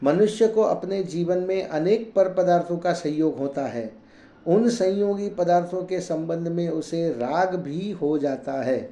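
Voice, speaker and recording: A man slowly chanting Sanskrit verses, then explaining them plainly in conversational Hindi as a scripture teacher. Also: on the high side, mellow. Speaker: Jain scripture reader and teacher. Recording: echoey room with faint ambient noise.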